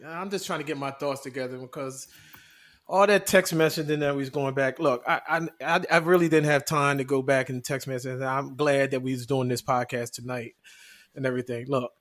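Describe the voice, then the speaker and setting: A man's voice: on the high side, a bit bright. A man co-hosting a sports podcast, arguing animatedly and repeating himself as he talks over the others. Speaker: podcast co-host. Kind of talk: casual sports debate.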